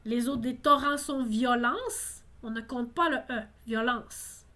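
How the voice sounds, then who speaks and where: Higher-voiced woman explaining lyrics. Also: measured pace, bright, forceful tone. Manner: explanatory, frequent tag "hein". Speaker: French teacher. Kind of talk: song lesson explaining lyrics.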